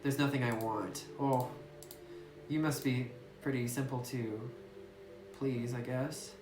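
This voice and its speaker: Over music, a woman with a rumbling low, steady voice speaks slowly as she plays a game, reading its text aloud and giggling between musings. The gaming YouTuber's phone recording is roomy, with a faint hiss.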